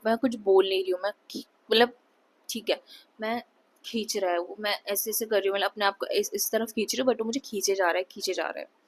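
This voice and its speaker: A woman's voice: medium pitch, slightly rough. Young woman, casual storytelling, vlog, tense retelling, mixes in English words, fillers and restarts. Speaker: vlogger.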